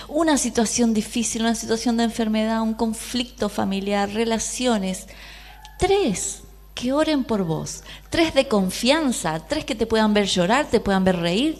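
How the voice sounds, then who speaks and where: Woman, Rioplatense Argentine accent, sermon, lively, rhetorical questions to the audience. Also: a little high. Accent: Rioplatense Spanish. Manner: lively, questioning the audience, acting out quoted voices. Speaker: preacher.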